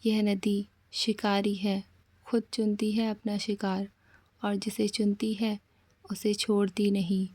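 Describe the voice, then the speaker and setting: Woman doing a grim young village man warning in a spooky tale, dark mellow voice, dry sound. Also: mid-range voice, flat delivery, takes it slowly, breathy edge, dry recording. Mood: ominous. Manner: scolding, warning tone. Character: stern young male village man, ominous.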